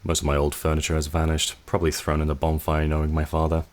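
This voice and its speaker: A man hosting a let's play, reading the game's narration aloud in a measured way with dry asides. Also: extremely low pitch, completely flat delivery.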